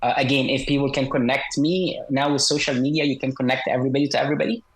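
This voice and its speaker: A male guest author, formerly a special operations soldier, is interviewed over a video call with his voice electronically altered to hide his identity. His mid-pitched voice is measured and hesitant, with fairly even intonation and frequent "uh" fillers, and the recording is rough.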